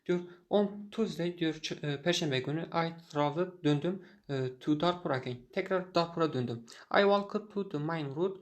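Reading a short story aloud, a male English teacher translates it line by line. His voice sits a little high, and his delivery is halting, with frequent pauses filled by filler sounds.

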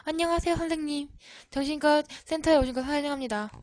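A woman's voice: high voice, steady tone, fast talker, a little mellow, pitched above the performer's own voice, close to an everyday voice. A woman voicing a scary-looking hospital nurse with a polite, welcoming voice in a game. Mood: polite welcome.

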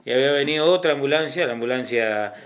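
A middle-aged man with an Argentine Spanish accent speaks in an easy, conversational way at a medium pitch. He stops and starts, repeats words and often checks in with his listener. He sounds like a hospital ambulance driver telling his story. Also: quick pace, fairly bright tone. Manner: hesitant, repeats words, adds tag questions. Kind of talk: casual interview talk.

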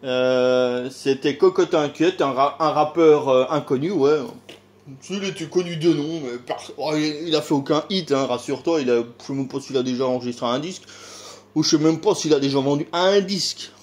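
A man's voice: fairly high pitch, moderate pace, a little mellow. Hesitant French man, rambling monologue. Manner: hesitant, lots of filler sounds and sighs; rhetorical questions, grumbling tone. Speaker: YouTuber.

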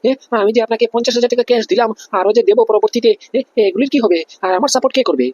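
A man's voice: very high voice, racing, mellow, breathy edge, highs cut off. A man voicing an angry male briber who badgers a police officer, indignant and demanding in a cartoon comedy. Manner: indignant, badgering, repeats "hyan?".

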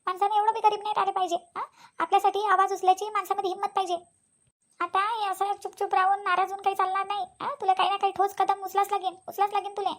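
Cartoon aunt with a Vidarbha accent, older, bossy and repetitive, shrill and rapid; one actor voices her. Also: flat delivery, a bit bright. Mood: advising. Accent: Vidarbha Marathi. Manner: preachy, repeats points, fast. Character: older village aunt giving firm advice. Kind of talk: cartoon voice acting.

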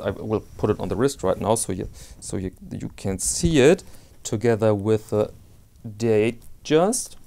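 A man reviews a watch strap casually in a lowish, darkish voice with vocal fry. He sounds hesitant, often repeating words while searching for them, and shares candid personal opinions.

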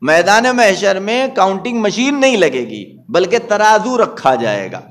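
High-voiced Indian cleric preaching a sermon. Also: male voice, sing-song, a little slow. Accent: Indian Urdu-Hindustani. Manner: rhetorical, repeats phrases, asks the crowd "isn't it?"; rises to forceful emphasis on key points. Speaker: Shia cleric giving a majlis sermon.

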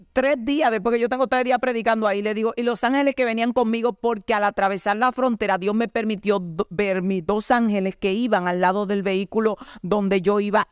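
A woman's voice: medium pitch, clean tone, dry recording, clean studio sound. A woman pastor, telling her own testimony in an interview and acting out the dialogue as she goes. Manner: animated storyteller acting out dialogue.

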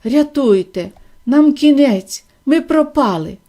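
Old grandfather, excitable, shouting exclamations, voiced by a woman narrator, raised pitch. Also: slow pace. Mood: panicked. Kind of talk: audiobook reading.

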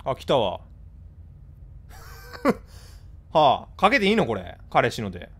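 A man with a Kansai accent chatting casually with his live-stream viewers, blunt and scolding in rapid-fire retorts. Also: mid-range voice, wildly swooping pitch, a bit bright, slightly rough. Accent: Kansai Japanese.

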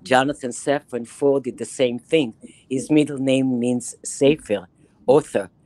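A woman in her eighties from Israel, speaking with a Bronx New York accent, gives a guest lecture to a reading group over a video call. Her rumbling, low voice is animated and emphatic, and she repeats phrases for effect. A webcam close to her face captures a dry recording.

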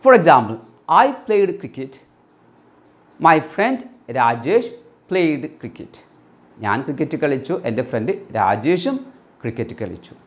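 A man teaching English grammar, his pitch rising and falling a lot as he explains. He asks questions and then answers them himself. He reads each English example sentence slowly and deliberately. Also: very animated. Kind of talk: explaining grammar in a recorded lesson.

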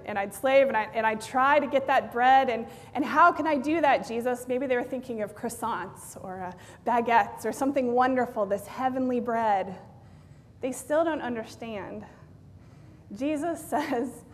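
A woman in her thirties, a pastor, preaching a sermon with lively storytelling and acted-out quotes. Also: high-pitched. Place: large church sanctuary, indoors. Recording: long church reverb.

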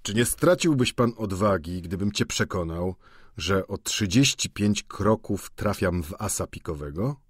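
A man reading the part of a sly, cynical middle-aged schemer who talks with slow mockery. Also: low voice, expressive, slightly rough, no echo, clean studio sound, full character voice. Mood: persuasive. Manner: mocking, slow and deliberate.

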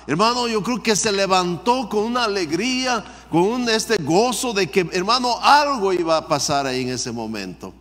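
A male pastor leading a Bible study, reading scripture and commenting on it while often calling listeners "brother", his voice rising high and loud at the emotional peaks. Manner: reads scripture aloud, then comments, often addressing listeners as "hermano"; voice rises sharply in pitch and loudness when repeating the cry for mercy. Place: church. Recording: long church hall reverb.

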